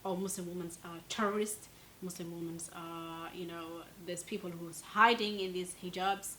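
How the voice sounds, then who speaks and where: A woman from Somalia answers interview questions in a fairly low voice. She talks earnestly and presses her points with growing force. A faint hiss sits under the recording. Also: steady tone, moderate pace, a bit bright, rough recording. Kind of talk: documentary interview.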